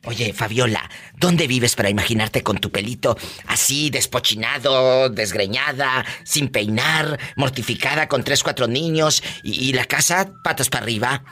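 A woman hosting a call-in radio show, teasing and gossipy, with bursts of loud laughter. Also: very deep voice, moderate pace, hardly any pauses. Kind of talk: playful call-in radio chat.

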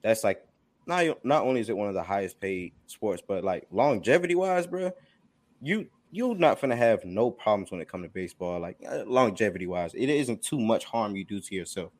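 Rambling young man, low voice. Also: animated, moderate pace. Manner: rambling, repeats himself, says "like" and "bro" often. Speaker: podcast co-host. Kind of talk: casual chat.

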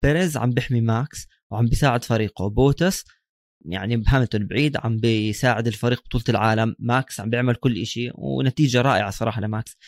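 A man's voice: mid-range voice, racing, no room sound, clean studio sound. A man with a Levantine Arabic accent giving casual sports commentary as a co-host in a discussion. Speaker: motorsport podcast co-host.

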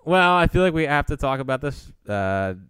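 A man's voice: fairly high pitch, very animated, moderate pace, a bit bright, smooth, no room sound, clean studio sound. A man chatting casually as a sports talk podcast host, with a teasing, needling way of talking.

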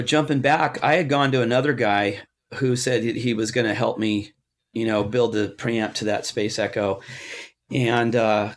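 Man, interview guest, mid pitch, rambles and restarts, lively when quoting others. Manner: rambling, with many restarts and asides. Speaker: interview guest, amp builder. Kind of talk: casual storytelling interview.

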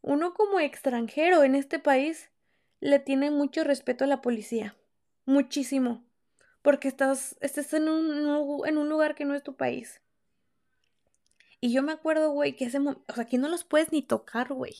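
A woman's voice: high voice, normal speed, darkish tone. A young woman with a Mexican accent hosting a podcast, telling a personal story in candid, slangy, profane casual chat. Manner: candid, slangy and profane, acts out quoted lines. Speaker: podcast host.

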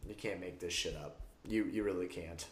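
A man's voice: deep voice, normal speed. A man hosting a sports podcast in casual, rambling, profane chat, tired after drinking, recorded in a bathroom with heavy echo. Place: small tiled bathroom.

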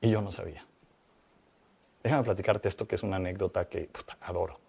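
Guy being interviewed, deepish voice, tells stories all excited then goes quiet and thoughtful. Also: fast, creaky, slightly rough. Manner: lively anecdotal, swings between loud excitement and quiet reflection. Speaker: guest, magician. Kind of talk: animated storytelling in interview.

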